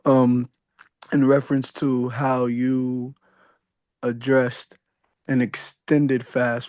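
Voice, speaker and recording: A man asks his question on a live stream in a slow, hesitant way, stopping and restarting as he goes. His voice is dry and close, with little room sound, and his pitch stays flat. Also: no room sound. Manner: hesitant, halting with fillers. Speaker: viewer asking a question.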